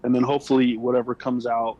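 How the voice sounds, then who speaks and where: A man's voice: mid-range voice, little pitch movement, fast, lo-fi sound. A man co-hosting a casual gaming podcast, telling stories animatedly with many fillers. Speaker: podcast co-host.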